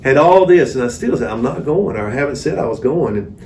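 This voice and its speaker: With lively intonation and a mellow medium-pitched voice, a man tells mission anecdotes briskly as an interview guest, in a homespun conversational style. The recording is echoey and distant-miked, with a little hiss or hum.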